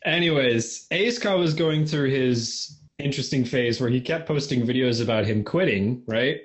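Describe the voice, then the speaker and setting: A man of about twenty, an amateur fan fiction reader, chats casually as an interview guest, giggly, self-deprecating and a bit nervous. His voice is medium-pitched at a moderate pace.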